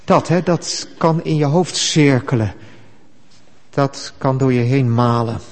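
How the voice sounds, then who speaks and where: A man preaching a sermon, emphatic and animated. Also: mid-range voice, takes it slowly, in a large hall.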